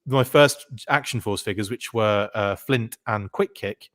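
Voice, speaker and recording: A man's voice: fairly low pitch, unhurried, a bit bright. Rambling man, podcast guest. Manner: rambling, full of fillers and restarts. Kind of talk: casual chat.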